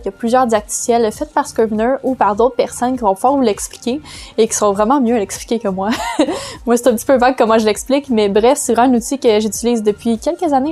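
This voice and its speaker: Woman, Quebec French accent, casual vlog talk, fairly high voice, hesitant and chatty. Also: mellow. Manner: chatty, explains loosely with many hesitations. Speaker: vlogger giving writing tips.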